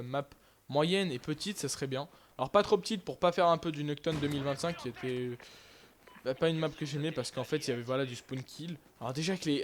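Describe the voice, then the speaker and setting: Young male gamer, casual live commentary, lots of fillers, mid-pitched voice. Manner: casual, rambling, many fillers and restarts. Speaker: gaming YouTuber.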